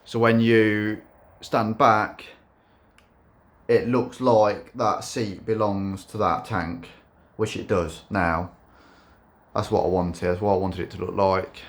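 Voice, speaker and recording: A man takes it slowly as he presents his custom motorbike in a casual vlog, his voice on the low side. He describes himself as monotone, and his talk is loaded with fillers and restarts.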